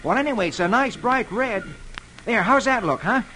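A man voicing an eager young boy who exclaims excitedly about painting his boat, in a noisy old radio recording. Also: very high voice, moderate pace, voice pushed up, full character voice.

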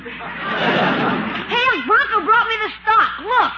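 A performer playing a cheeky, excitable young boy in old radio comedy style. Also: very high voice, drawn-out words, heavily acted. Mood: cheeky, excited. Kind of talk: 1940s radio comedy acting. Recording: muffled old radio recording, faint noise.

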